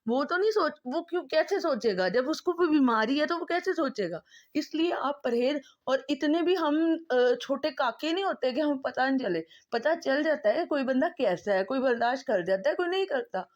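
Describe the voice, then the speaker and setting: A woman's voice: high voice, lively intonation, moderate pace. Emotional, pleading woman vlogger. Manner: impassioned, pleading, repetitive emphasis. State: emotional, close to tears. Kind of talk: emotional monologue to camera.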